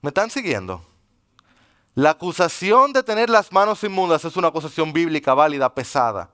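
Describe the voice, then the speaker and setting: Man preaching, high clear voice. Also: big pitch swings, a little fast, fairly bright tone. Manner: teaching with questions to the congregation. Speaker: pastor. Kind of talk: sermon. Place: church.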